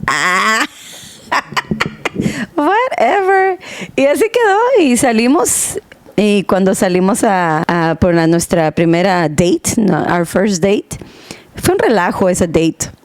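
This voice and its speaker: A woman's voice: medium pitch, very animated, takes it slowly, no room sound. A young woman chats on her home podcast, jumping between Spanish and English as she tells a story and laughing often. Her voice sits in an ordinary middle register. The recording is dry and close, with almost no room sound. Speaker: podcast co-host, pastor's wife. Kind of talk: casual storytelling chat. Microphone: home podcast mic.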